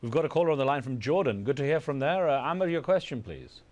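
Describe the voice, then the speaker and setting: A male host running a broadcast interview and bringing in callers briskly. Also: medium pitch, very animated, darkish tone.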